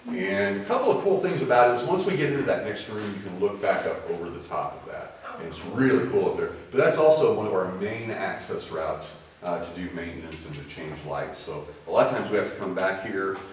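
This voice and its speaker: Inside a limestone cave, a male tour guide gives informal explanations, letting his sentences trail off as his voice echoes around him. He speaks low and fairly quickly with lively intonation and few pauses, picked up by a distant mic with faint noise.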